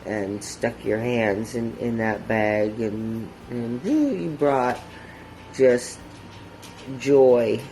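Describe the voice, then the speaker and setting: A man speaks slowly in a halting, fond way, pausing often with fillers. His voice is mid-pitched, with a faint background hum. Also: mellow, rough recording. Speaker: family member giving well-wishes. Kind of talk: casual heartfelt message.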